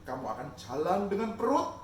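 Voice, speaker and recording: A stern God pronounces judgment in a loud, solemn, proclaiming voice, as a man puts him on. The lines swing widely in pitch. The sound rings through an echoey room, captured from far off. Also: sing-song, moderate pace, a little hiss or hum.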